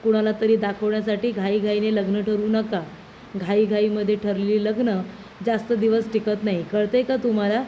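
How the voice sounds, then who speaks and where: A woman's voice: medium pitch, level tone, moderate pace, mellow, a little hiss or hum, close to an everyday voice. A woman reading out the lines of a sensible wife who reasons and reproaches her husband. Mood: reproachful. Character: sensible wife and mother, calm but firm.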